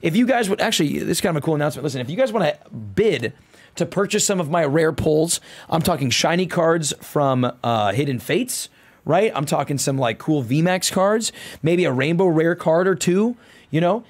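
A young man with a fairly high voice and very animated pitch. He talks like a streamer chatting with his viewers, slangy and loose, jumping between low muttered asides and loud hype calls. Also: normal speed. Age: young adult. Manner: slangy, bro-heavy way of talking. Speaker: live streamer opening card packs. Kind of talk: casual livestream chat with viewers. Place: indoor streaming room at home.

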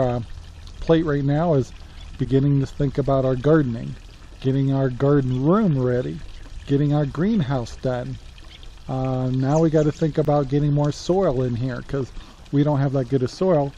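A plainspoken man in his sixties from Central Oregon, USA, chats casually in a rural yard for his homesteading vlog, using lots of filler words. His warm, mid-range voice moves at a normal pace with fairly even intonation. The handheld camera at arm's length gives dull lo-fi sound with faint outdoor noise.

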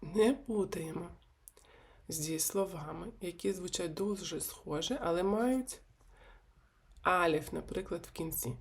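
A woman teaching a video grammar lesson. She speaks slowly and deliberately and repeats verb forms one by one. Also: on the low side. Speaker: Hebrew language teacher.

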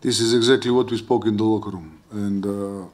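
A middle-aged man coaching a team speaks into a table mic at a post-game press conference. His voice sits a little low and stays flat in pitch. He talks in a measured way, pausing to find words. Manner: measured, speaking English as a second language with pauses. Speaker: head coach.

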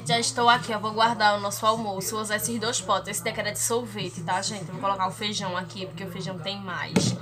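A woman's voice: medium pitch, fairly even intonation, quick pace, few pauses, over music. A young Brazilian woman with a Brazilian accent, chatting casually to viewers in a home vlog, filmed on a phone at arm's length indoors. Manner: chatty, keeps addressing viewers warmly with diminutives. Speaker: home vlogger.

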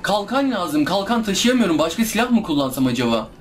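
A man's voice: high voice, big pitch swings, fast talker, slight background noise. A young man commenting live on a hard game he is playing, exasperated, groaning and pleading with the enemies as he keeps losing. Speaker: gameplay streamer.

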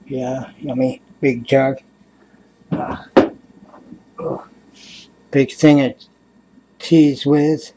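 Very slow, with long pauses and a level tone, a medium-pitched man speaks over very noisy audio. He is a Canadian in his fifties making a casual, rambling night-time vlog in a small room, webcam close to his face, sighing, swearing often, and trailing off.

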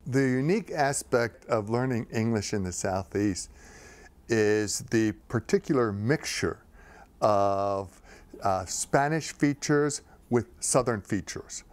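A man speaking as a language expert in a documentary interview, in a measured, lecturing way. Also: on the low side.

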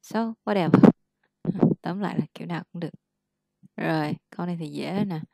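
A woman's voice: lowish voice, brisk, vocal fry, mellow, dry recording. A woman tutoring English one-on-one, patiently correcting pronunciation and explaining words.

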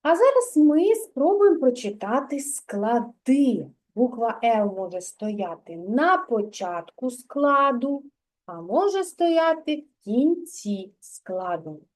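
Жінка-вихователька дитячого садка веде заняття з грамоти з дитиною, терпляче підказує й хвалить. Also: female voice, on the high side, sing-song, darkish tone, slight background noise. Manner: slow, patient, praising and prompting. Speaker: kindergarten teacher. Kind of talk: early literacy lesson with a child.

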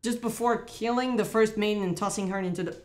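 A woman streamer plays through a horror game live, reading its story text aloud at an unhurried, mid-pitched pace. Between passages she breaks into excitable reactions and blunt swearing. Her voice sits in the middle of the range, steady for the reading parts. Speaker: gaming streamer host.

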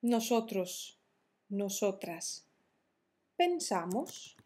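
A woman teaching verb conjugations in a slow, careful tutorial, spelling out each form deliberately. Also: mid-range voice, sing-song, darkish tone, breathy edge. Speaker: Spanish teacher.

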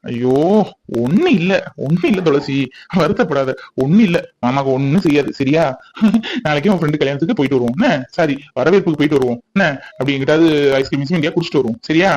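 A man voicing a gentle young husband in a cartoon, comforting his crying wife. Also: a little high, animated, quick pace, low-quality recording. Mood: soothing. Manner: comforting, coaxing. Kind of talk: cartoon voice acting.

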